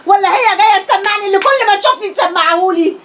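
A woman's voice: very high voice, very fast, slight background noise. An actress with an Egyptian accent playing a resentful young unmarried woman, sulky and near tears, in a film drama. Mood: bitter. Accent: Egyptian Arabic.

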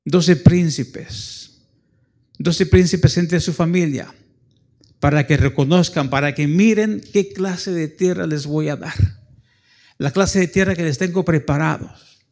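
A pastor preaching a church sermon, calling the listeners brothers and drawing out key phrases slowly before swelling to loud peaks. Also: male voice, a little high. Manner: preaching with sudden loud rises and slowed, drawn-out phrases; calls listeners "hermanos" and asks for amen.

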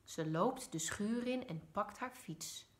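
A woman teacher reading a children's story aloud in a lively, expressive way. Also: mid-range voice, slow pace.

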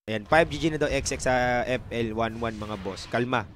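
A young Filipino man casting a game casually, joking and laughing, then shouting at big plays. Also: medium pitch, normal speed, a little hiss or hum. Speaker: esports caster. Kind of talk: casual play-by-play commentary.

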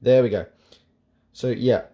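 A man's voice: medium pitch, steady tone, a little slow, highs cut off. A young man casually reviewing an old device, with sarcastic jokes and offhand asides. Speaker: tech reviewer. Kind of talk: casual tech review vlog.

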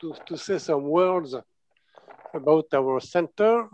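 A man's voice: fairly high pitch, animated, a little mellow. A man from France with a French accent, a surgeon giving a conference case presentation in English and often stopping to restart his words. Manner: halting, self-correcting, searching for words. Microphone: video call. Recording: dull lo-fi video call audio.

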